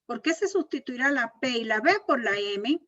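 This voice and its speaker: A woman's voice: fairly high pitch, animated, moderate pace, a bit bright. A woman teacher giving a lecture, explaining step by step, repeating key points and checking in with her class. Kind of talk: university lecture on speech disorders. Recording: dull lo-fi recording.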